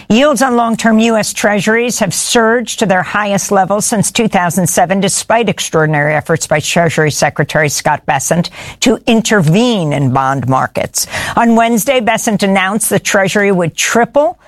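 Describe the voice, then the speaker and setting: A woman hosting a news program, reading headlines in a measured, even newsreader delivery. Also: lowish voice, dry recording, studio quality. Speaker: news host.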